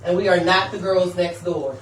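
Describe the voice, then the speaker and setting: A woman's voice: on the low side, normal speed. Chatty woman podcast host in an echoey room. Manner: laughing, loose, chatty with fillers. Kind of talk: casual chat. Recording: echoey room, distant mic, background noise.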